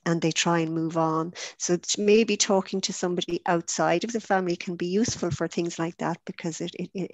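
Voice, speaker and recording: Soft-spoken woman moderator. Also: on the low side, no echo. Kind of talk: online panel discussion. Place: home, video call.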